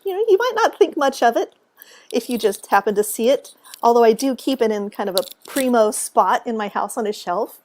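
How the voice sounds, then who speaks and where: A woman telling a story to camera in a relaxed, animated way, acting out what people said and laughing along the way. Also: a little high, brisk. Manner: animated, acts out quotes, laughs often. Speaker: author and speaker. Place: at home.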